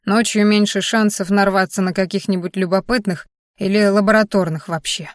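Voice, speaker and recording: A gruff but caring old grandfather figure, read out by a woman narrator, brisk and grumbling as he reassures. Her voice stays at a middling pitch with a dry, close sound, and the old man shows through the words more than through any change of voice. This is audiobook storytelling. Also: fairly even intonation, no echo, natural voice. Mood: gruffly reassuring. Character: elderly male father-in-law, gruff but caring.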